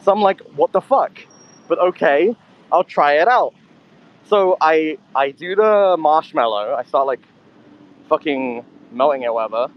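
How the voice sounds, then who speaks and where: A man's voice: fairly high pitch, measured pace, highs cut off. A man telling a rambling story in casual chat, swearing often, speaking from a convenience store. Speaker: co-host of a live audio chat.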